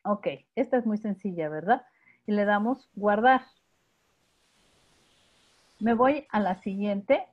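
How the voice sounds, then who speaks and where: A woman's voice: mid-range voice, slow pace, long pauses. A woman with a Mexican accent leading a live webinar tutorial, explaining step by step and checking in with her listeners. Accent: Mexican Spanish. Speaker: instructor. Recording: dull lo-fi webinar audio.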